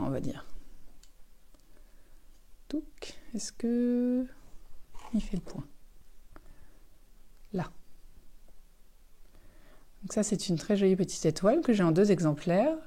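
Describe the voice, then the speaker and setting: A middle-aged woman, hoarse and losing her voice, chatting casually and rambling with many fillers in an evening knitting vlog. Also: lowish voice, sing-song, a little slow, long pauses, mellow. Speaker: knitting vlogger.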